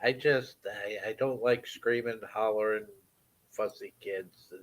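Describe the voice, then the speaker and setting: A man with a Maine accent chats casually, telling an animated story and laughing. His voice is lowish and a little slow, but it leaps upward when something amuses him.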